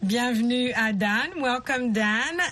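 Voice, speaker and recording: Woman, higher-pitched, very slow delivery, lesson host, conversational teaching, simple examples. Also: fairly bright tone. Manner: explains with simple spoken examples. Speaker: host of an English lesson show.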